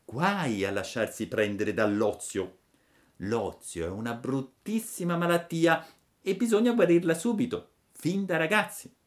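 A man reading a storybook, voicing a gentle but stern fairy mother in a soft, low, measured voice. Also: lightly acted.

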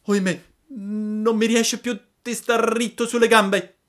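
A man's voice: medium pitch, very animated, a little slow, pushed and bright. A man voicing a cheeky, lazy schoolboy with a coaxing, teasing manner. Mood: panicked.

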